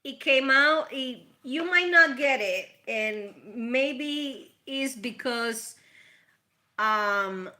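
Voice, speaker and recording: She sits high in pitch and speaks very slowly, her tone bright and forceful, as she hosts a casual live tarot reading with spiritual advice. The Puerto Rican channel host, a native Spanish speaker with a Puerto Rican accent, talks to her viewers chattily and with affection.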